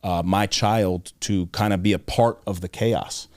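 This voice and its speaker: A young adult man speaks earnestly and reflectively, sharing a personal story as a guest. His voice sits fairly low, and the sound is dry and close with little room around it. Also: fairly even intonation, unhurried, no room sound. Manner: earnest and reflective, often drops to a soft, quiet voice when quoting. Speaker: podcast guest, author. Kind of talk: casual conversational storytelling.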